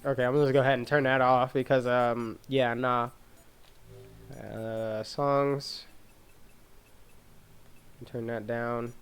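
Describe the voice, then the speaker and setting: Let's-play host, male: casual slangy commentary, average pitch, clear game music underneath. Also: little pitch movement, takes it slowly, long pauses. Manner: slangy, thinking aloud. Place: voice-over with game sound and music behind.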